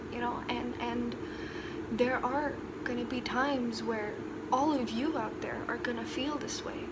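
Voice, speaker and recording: A woman's voice: on the high side, very noisy. A woman, talking candidly and earnestly to viewers, mixing English with Hindi-Urdu. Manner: earnest, confiding. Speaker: vlogger. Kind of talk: candid motivational talk to viewers.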